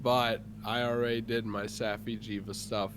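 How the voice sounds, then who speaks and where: Over noisy voice chat, a man with a stuffy, congested nose rambles through his gaming plans, explaining them with lots of fillers. His voice is on the low side, fairly flat in pitch, at a moderate pace.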